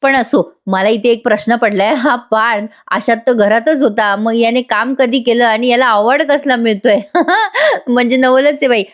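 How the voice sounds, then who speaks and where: Chatty Marathi woman recapping a serial. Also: fairly high pitch. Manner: chatty, retells dialogue with light voices. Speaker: TV serial reviewer. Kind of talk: casual voice-over recap.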